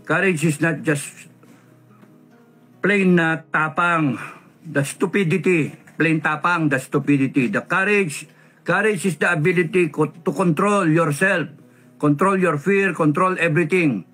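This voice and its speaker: A man with a husky, breathy voice pitched high for a man. His bright, forceful tone carries an angry, profane rant aimed at his followers. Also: unhurried, faint music behind. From Philippines. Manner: angry and profane, switching between Tagalog and English. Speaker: leader of a veterans' group. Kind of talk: heated political rant to followers.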